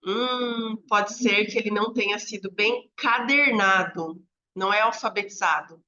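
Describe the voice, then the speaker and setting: A Brazilian woman training teachers, explaining classroom methods step by step in a conversational way, often checking in with a quick "né?". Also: medium pitch, sharp tone. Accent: Brazilian Portuguese. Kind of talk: instructional talk to teachers. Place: home room near a street. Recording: slightly dull lo-fi audio.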